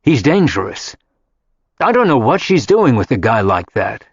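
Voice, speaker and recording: Narrator doing a stern, protective man, low and threatening, audiobook. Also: very animated, normal speed, creaky, slightly rough, no room sound, highs cut off, exaggerated voice. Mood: seething. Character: angry protective man, head of household. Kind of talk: audiobook character voice.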